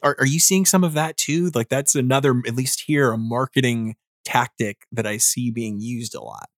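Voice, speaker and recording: A man from the United States hosts a gardening interview and asks long, thoughtful questions. His voice sits at an ordinary pitch, recorded close and dry. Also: fairly even intonation, moderate pace, no echo. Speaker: podcast host. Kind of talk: conversational interview.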